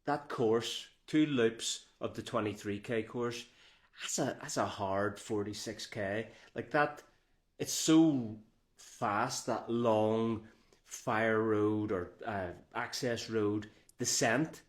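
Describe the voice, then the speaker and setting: A man co-hosting a trail running podcast, telling stories in lively, joking banter. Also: lowish voice, takes it slowly. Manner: lively storytelling, jokey. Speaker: podcast co-host. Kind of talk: casual banter.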